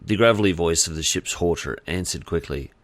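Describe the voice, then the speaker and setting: A man narrating an audiobook with expressive storytelling. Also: low voice, fairly quick, no echo.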